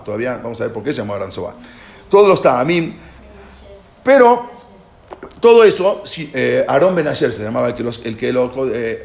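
Guy teaching a class, gravelly voice, asks the room questions, a bit of echo. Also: medium pitch, a little mellow. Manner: explains with questions to listeners, repeats and restarts. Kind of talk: informal lecture. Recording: echoey room with faint background noise.

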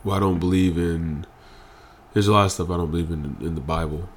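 A man with a very low, deep voice talks earnestly as a podcast guest, hammering points home by repeating phrases. He is still emotional after crying. A faint hiss sits under the recording. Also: steady tone, a little fast. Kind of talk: emotional candid conversation.

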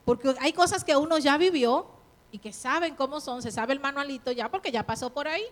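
A woman in middle age delivers a sermon in a high-pitched voice. She urges her listeners on and asks them questions directly. Every so often she acts out the quoted words of other people. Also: a little fast. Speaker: preacher.

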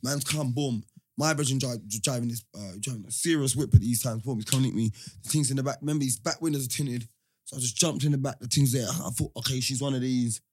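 A man's voice: mid-range voice, fast talker, darkish tone, husky. A young man with a London accent, chatting and telling stories casually in heavy roadman street slang.

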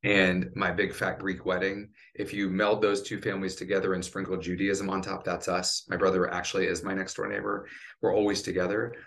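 A man's voice: sits low, flat delivery, brisk, vocal fry, fairly bright tone, low-quality recording. A middle-aged man talking earnestly as an interview guest about his cancer treatment, choking up at times. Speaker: cancer survivor and advocate guest. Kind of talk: emotional interview conversation.

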